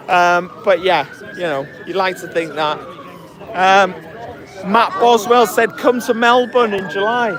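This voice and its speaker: On his laid-back post-match podcast, a man chats and reads out comments from listeners. He has a high, hoarse voice that cracks, and his speech wanders, packed with fillers and false starts.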